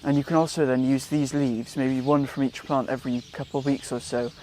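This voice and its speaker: A young Welsh gardening vlogger talks casually and unhurriedly through his garden jobs in a relaxed, chatty how-to vlog. His voice is mid-pitched, and he fills gaps with frequent ums and corrects himself as he goes. He's recorded outdoors, with faint birdsong and slight background noise behind him.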